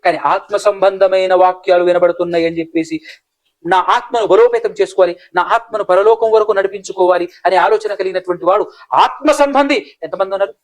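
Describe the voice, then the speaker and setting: A man preaches in a high, rushing voice. He scolds and fires one rhetorical question after another. The words tumble out at a fast clip. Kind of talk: sermon.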